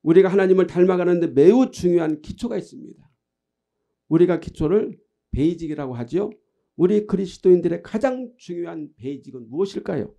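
Gravelly, dark-voiced male pastor preaching. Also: high voice, lively intonation, fairly quick, lo-fi sound. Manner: asks the congregation questions and answers them himself. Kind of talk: sermon.

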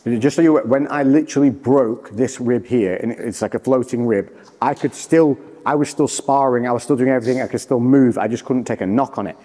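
A man's voice: medium pitch, fairly quick, few pauses, mellow. A man in his thirties explaining his own symptoms in casual chat, as presenter and patient. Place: large hard-floored gym, indoors. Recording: reverberant hall-like room.

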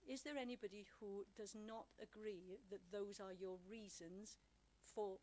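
Deliberate woman council officer explaining a vote. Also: mid-range voice, fairly even intonation, dark tone. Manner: clear, deliberate, checks understanding. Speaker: council officer advising members. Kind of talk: explaining the voting procedure. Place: council chamber. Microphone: desk microphone.

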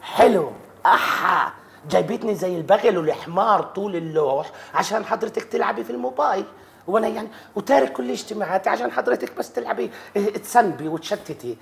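A man's voice: sits high, animated, fast talker, gravelly. A man playing a bossy, jealous husband who scolds his wife nonstop in a comedy sketch. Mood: nagging. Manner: nagging, scolding, quarrelsome.

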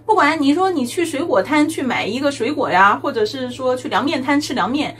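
Brief: a woman vlogger, high-voiced and teasing, with a chatty comic monologue and frequent laughs. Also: animated, fairly quick, a little hiss or hum. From mainland China. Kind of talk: comedic monologue to camera.

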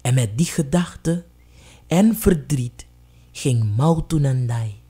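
A storyteller reading a storybook aloud with drama, dropping low and soft at tense moments. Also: animated, slow pace, husky.

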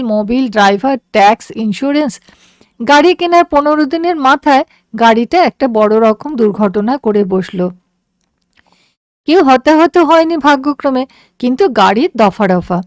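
A woman storyteller reading a humorous literary story aloud in a measured, gently wry way, close to the mic. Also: sits high, no room sound.

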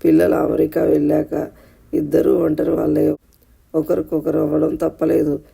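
A man narrating an audio short story in a steady, scripted reading voice. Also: on the high side, moderate pace, vocal fry, slightly rough.

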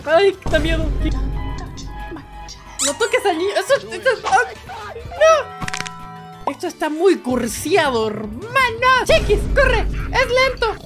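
A woman doing excited reaction commentary, full of gasps and exclamations. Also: very high voice, takes it slowly, long pauses. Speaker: reaction video host. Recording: background music under the voice.

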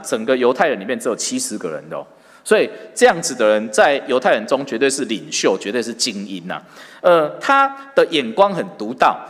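A man preaching a sermon, retelling the story lively and asking his listeners questions. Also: mid-range voice. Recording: long hall reverb.

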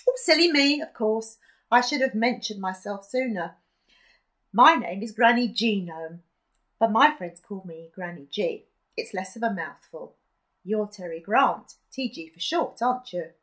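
A woman voicing a bossy, bubbly little old fairy woman who talks in a brisk, chirpy way. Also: medium pitch, lively intonation, a bit bright.

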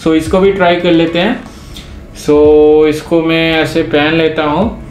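Male vlogger, high voice, talking through a cloth mask, direct to viewers, roomy sound. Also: steady tone, measured pace, soft background music. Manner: explains step by step, addresses viewers directly. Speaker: product reviewer. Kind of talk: casual product review vlog.

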